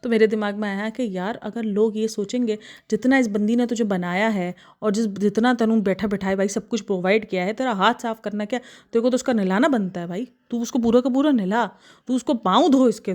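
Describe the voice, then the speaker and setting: A woman reaction vlogger giving casual, gossipy commentary, animated and often exasperated. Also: a little high, brisk.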